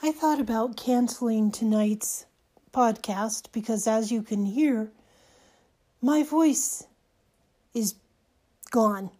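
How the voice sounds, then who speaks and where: A woman's voice: fairly high pitch, takes it slowly, pauses often, mellow. A woman podcast host delivering a scripted introduction to her show.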